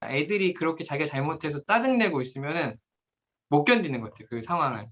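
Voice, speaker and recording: Bright-toned frank dad. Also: male voice, on the high side, expressive, fast talker, dull audio. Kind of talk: casual parenting talk.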